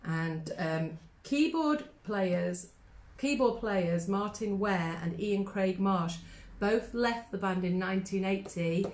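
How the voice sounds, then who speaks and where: A woman's voice: medium pitch, animated, slow, a little mellow, echoey room, low-quality recording. A woman in her fifties, from England, chatting casually and eagerly reading out music trivia between songs. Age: 50s. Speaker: singing teacher co-host.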